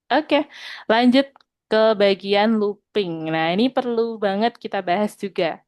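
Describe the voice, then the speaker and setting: A woman's voice: medium pitch, a little mellow, dry recording. Patient woman teaching a coding class. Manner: patient, repeats "teman-teman ya", slows for code. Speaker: programming teacher. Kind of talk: online coding lesson.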